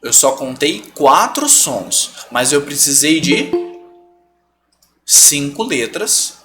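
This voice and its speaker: A man's voice: fairly high pitch, sing-song, takes it slowly, bright, forceful tone, soft background music. A man teaching a live online lesson, patiently stretching out example sounds and often checking that students follow.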